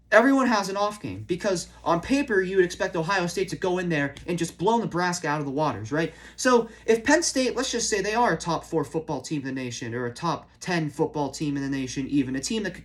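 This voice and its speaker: Exasperated man on a sports fan rant. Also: sits high. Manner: exasperated, emphatic, repetitive for emphasis. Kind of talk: opinionated rant to viewers.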